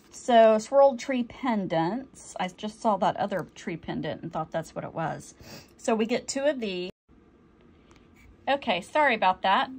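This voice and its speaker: A woman's voice: medium pitch, a little hiss or hum. A woman chatting through an unboxing, easily delighted and often apologizing for slips. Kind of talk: casual unboxing chat.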